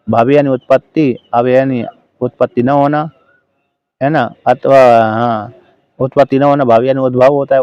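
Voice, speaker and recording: A man's voice: medium pitch, darkish tone, no room sound, dull audio. A man teaching scripture in a lesson, explaining a commentary word by word, often breaking off to correct himself and asking his listeners if they follow. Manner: halting, self-correcting, checks in with listeners; slow chanted verse recitation.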